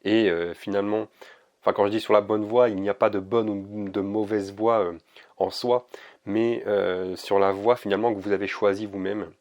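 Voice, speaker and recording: A man giving a casual oracle card reading to camera, hesitant and gentle, with many fillers and restarts. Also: fairly low pitch, flat delivery, moderate pace, dull audio.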